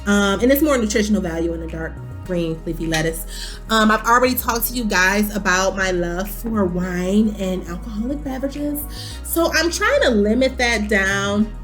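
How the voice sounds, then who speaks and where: A woman in her thirties chatting casually to camera as a vlogger, animated and full of ums. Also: medium pitch, moderate pace, faint music behind. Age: 30s.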